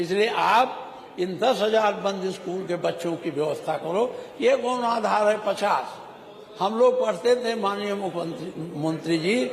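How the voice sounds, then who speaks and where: A man's voice: high-pitched, creaky. A middle-aged man giving a rhetorical floor speech as a legislator, scolding and teasing the ministers. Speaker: legislator speaking in the state assembly. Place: large legislative chamber. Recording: echoey hall broadcast audio.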